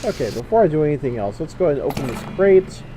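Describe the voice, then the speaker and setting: A man's voice: on the high side, lively intonation, rapid-fire, rough recording. Man reading out a video game. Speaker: gamer playing and narrating a video game. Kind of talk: let's play commentary, reading game text aloud. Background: game music with guitar.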